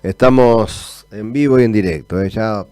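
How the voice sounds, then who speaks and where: Live radio host, man, lowish voice, dry close sound. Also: measured pace, a little mellow, smooth, no echo, faint music behind.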